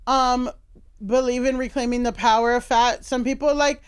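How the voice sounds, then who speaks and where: Woman, comedian guest, from South Florida, blunt, outspoken, high voice. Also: steady tone, moderate pace, clear, resonant tone. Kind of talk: casual podcast chat.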